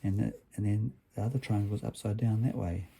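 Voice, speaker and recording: A man with a lowish, gravelly voice talks briskly and steadily over slight background noise. Playing a builder, he presents a workshop vlog to children with the sunny style of a kids' party host, keeping things simple and checking in through tag questions.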